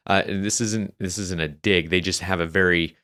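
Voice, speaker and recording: Speaking at a moderate pace with fairly even intonation, this young man has a low, smooth voice that sounds pushed and bright. He's a New Hampshire Navy veteran on a podcast, recounting his life in a rambling, casual interview full of fillers and restarts.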